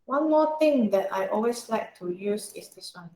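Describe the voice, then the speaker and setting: A woman's voice: medium pitch, lively intonation, moderate pace, creaky, dark tone. A woman with a Singaporean or Malaysian English accent teaching an informal tutorial, often checking with questions and using colloquial particles. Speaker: accounting tutor. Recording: roomy, echoey sound.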